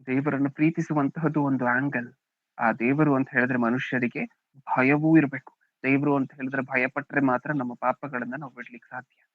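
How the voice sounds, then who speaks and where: A man's voice: medium pitch, fairly even intonation, normal speed, no room sound. A man with a Kannada accent preaching a sermon, often asking the congregation questions and reading scripture aloud with emphasis. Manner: asks the congregation rhetorical questions, "hm?". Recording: dry, thin phone-like sound.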